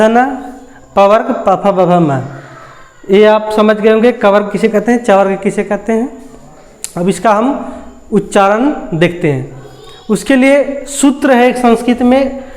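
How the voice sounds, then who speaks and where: High-voiced male teacher in an echoey room. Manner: patient, repeats and spells out examples. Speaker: Sanskrit teacher. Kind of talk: classroom lesson explanation. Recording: echoey room with long reverb.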